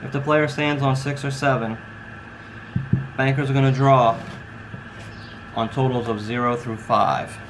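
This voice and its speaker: Casting: male casino croupier type, clipped table calls with casual instructional asides, clear ambient noise. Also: medium pitch, fairly even intonation, measured pace, pauses often. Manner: calls out hands in clipped dealer phrases. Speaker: instructor demonstrating card dealing. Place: at a card table beside a brick wall and door. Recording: noisy, with ambient background sound.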